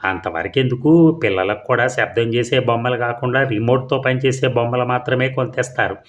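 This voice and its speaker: A man voicing a meek young wife who speaks in a hushed, patient, pleading way. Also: mid-range voice, a little fast, dull audio, close to an everyday voice. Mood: hushed, rueful.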